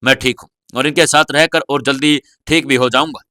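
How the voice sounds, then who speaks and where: A man playing a gentle, teasing father who is recovering in bed, in an audio story. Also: medium pitch, fairly even intonation, a little fast, dry recording, studio quality, natural voice. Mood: fond.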